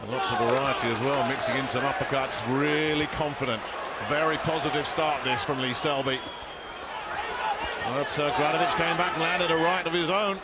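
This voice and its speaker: A man's voice: fairly high pitch, steady tone, moderate pace. A man giving live play-by-play boxing commentary from ringside as the lead commentator. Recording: loud crowd and arena noise behind.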